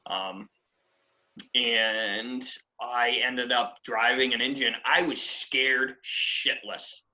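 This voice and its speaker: A man's voice: extremely slow, rough recording. A man from New England hosting a casual podcast chat, swearing freely and acting out quotes in raised voices. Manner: swearing, animated, acts out quotes in high voices. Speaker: podcast host.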